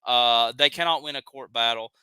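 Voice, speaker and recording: A man's voice: mid-range voice, normal speed, pushed and bright, clean tone, no echo. A man with a Southern accent hosting a live stream, ranting heatedly and reading chat comments aloud. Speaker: live show host.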